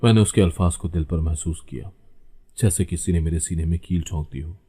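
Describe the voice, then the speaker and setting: Male storyteller, dark and mellow tone, measured and heavy first-person narration. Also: sits low, slightly rough.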